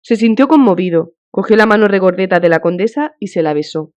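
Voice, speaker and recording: A woman narrating an audiobook of a classic novel in a measured, even storytelling manner. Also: medium pitch. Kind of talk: scripted narration. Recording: dull lo-fi audiobook recording.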